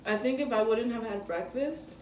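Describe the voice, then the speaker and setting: This young woman vlogger speaks at normal speed in a fairly high but darkish voice while joking and laughing over an eating challenge, now and then mid-mouthful. The recording has room echo, a faraway mic, and faint noise.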